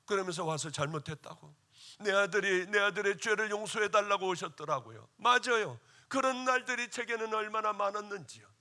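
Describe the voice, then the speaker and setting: A man preaching a sermon at a revival meeting as pastor, telling a personal testimony with emotional swings between loud exclaiming and hushed tones. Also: high-pitched, brisk. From Korea.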